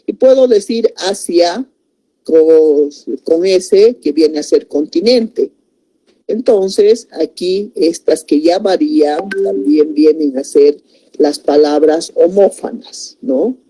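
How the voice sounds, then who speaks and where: Woman teacher, unhurried, explanatory, deep mellow timbre. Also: slightly rough. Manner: slow and explanatory, repeats words, many tag questions. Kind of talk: spelling lesson.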